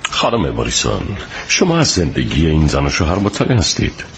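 Sherlock Holmes, a deep-voiced detective. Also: male voice, huge pitch swings, fairly bright tone, a little hiss or hum, full character voice. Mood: probing, courteous. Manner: measured, courteous questioning. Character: shrewd male detective, calm and probing. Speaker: detective questioning a witness. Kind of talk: radio drama dub.

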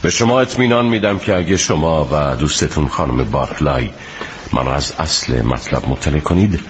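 Sherlock Holmes, a deep-voiced detective. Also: male voice, expressive, slight background noise. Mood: probing, courteous. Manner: measured, courteous questioning. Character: shrewd male detective, calm and probing. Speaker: detective questioning a witness. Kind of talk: radio drama dub.

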